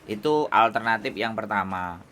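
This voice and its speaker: Over a phone call, a man with a Javanese accent who advises migrant workers gives firm advice, lecturing and checking that he's understood. His voice sits on the low side and is animated and a bit bright, at a moderate pace, with a little hiss or hum.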